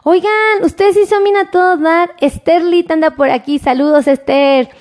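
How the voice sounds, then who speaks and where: A woman doctor with a Mexican Spanish accent, chatting casually on a live stream, thanking viewers by name and slowly dictating phone numbers. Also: very high voice, fairly even intonation, a little mellow.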